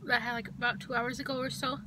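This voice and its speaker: A woman's voice: a little high, little pitch movement, fast talker, noisy background. A woman in a casual food vlog, talking to viewers while chewing, her mouth numb after dental work, seated in a parked car. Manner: chatty, addresses viewers directly. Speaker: vlogger.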